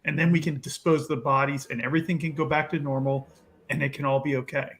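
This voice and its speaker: A woman's voice: deep voice, level tone, fast talker. A woman casually describing and speaking for a character as a player in a tabletop role-playing game. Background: music.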